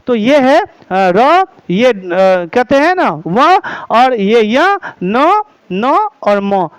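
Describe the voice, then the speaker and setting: A man's voice: very high voice, clear, resonant tone, dry recording, low-quality recording. A man teaching a grammar lesson, explaining step by step, repeating terms and checking that students follow.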